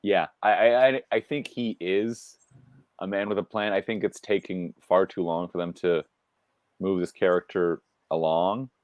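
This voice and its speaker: A man with a deep, low voice talks in a loose, rambling way, full of fillers and restarts. The sound is dry and close, with no room around it. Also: fairly even intonation, unhurried, a little mellow, dry recording, highs cut off. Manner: rambling, heavy use of "like" and fillers. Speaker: wrestling show co-host. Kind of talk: casual chat.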